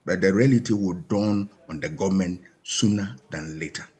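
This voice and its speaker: A man's voice: low-pitched, normal speed, darkish tone, husky. A man with a Ghanaian English accent, a panel guest giving emphatic commentary full of rhetorical questions.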